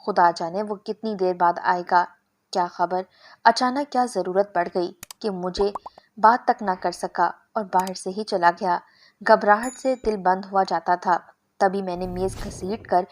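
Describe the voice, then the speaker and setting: A woman narrating a scripted first-person story in a measured, steady way. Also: mid-range voice.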